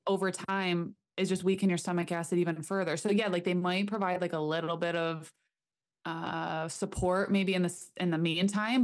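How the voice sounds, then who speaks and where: Earnest young woman health guest. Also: on the low side. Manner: earnest, explanatory, speaks fast in runs. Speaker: chiropractor guest. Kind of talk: casual interview explaining. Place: home room. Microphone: desk studio mic, remote call.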